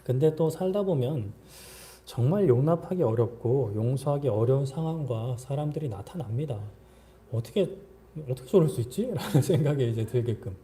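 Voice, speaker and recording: Male pastor, warm low-toned voice, conversational preaching, dramatizes prayers. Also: animated, moderate pace. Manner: frequent fillers and restarts, occasional chuckles. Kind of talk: sermon.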